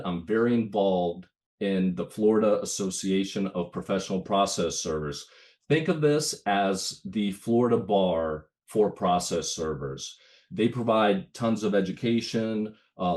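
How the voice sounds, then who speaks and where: Presenting a bar webinar by video call, a Ukrainian man in his thirties speaks in a low-pitched voice with a darkish tone. He has a cold and an itchy throat, so his relaxed delivery keeps stumbling into fillers and restarts.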